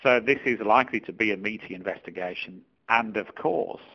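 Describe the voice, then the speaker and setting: Male podcast co-host, lowish voice, measured and halting, muffled lo-fi line. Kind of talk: casual legal podcast chat. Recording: dull lo-fi remote line.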